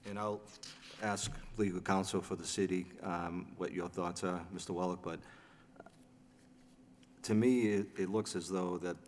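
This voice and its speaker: A low-pitched man runs a public hearing in a formal, procedural way, stumbling on fillers and restarts as he works through motions. The courtroom-style recording carries the long reverb of a city hall chamber. A faint hum of background noise sits under his voice. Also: steady tone, a little slow, pauses often, darkish tone. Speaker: license commission chairman.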